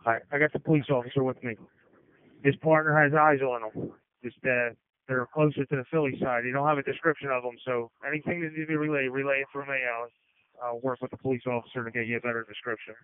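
Man reporting fast over emergency radio. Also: medium pitch, fairly even intonation, smooth. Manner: quick, informal, with fillers between facts. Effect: two-way emergency radio transmission. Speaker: rescue unit member in the field. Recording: tinny, dry radio channel.

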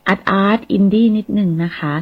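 A woman's voice: mid-range voice, fast, breathy edge, dull audio. A woman with a Thai accent, hosting a radio English lesson, politely spelling out words letter by letter. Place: radio studio.

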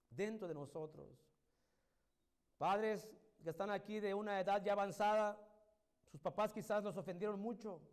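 A high-pitched man preaching a sermon to his congregation, swinging between loud, fervent calls and hushed, tender stretches. He is a middle-aged pastor speaking in a church. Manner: impassioned, swings from loud exhortation to soft intimate tones.

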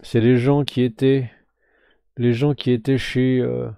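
A man hosting a live game stream, slowly drawing giveaway winners and muttering to himself with whispered asides. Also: medium pitch, level tone, creaky, dark tone, clean tone, no echo, studio quality.

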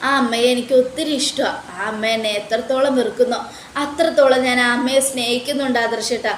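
A woman voicing a gentle, devoted young woman lying in hospital, speaking softly and earnestly. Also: on the high side, steady tone, fairly quick, echoey room, slight background noise, natural voice. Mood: tender.

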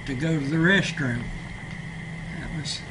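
A storyteller in his sixties with an East Tennessee accent reminisces about his childhood in an easygoing, chuckling way, seated in a small library room. His voice is a little high and his pace measured, and the recording picks up room noise.

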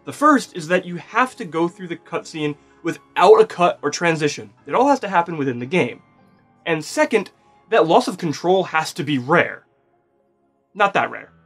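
This man in his 20s gives emphatic scripted commentary for a video essay in a conversational tone. His fairly high, bright voice is expressive and slightly rough at normal speed, recorded on a studio mic in a small studio with acoustic foam, with music behind him and no room sound.

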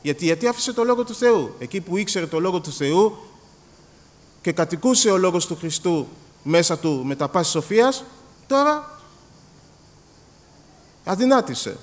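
Animated Greek preacher, high lively voice. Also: male voice, long pauses. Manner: animated, acts out dialogues, repeats words. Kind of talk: sermon. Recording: long hall reverb.

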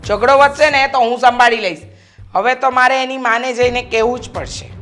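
A woman's voice: fairly high pitch, natural voice. A middle-aged woman playing a bossy, scheming mother-in-law who protects her son. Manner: bossy, scolding.

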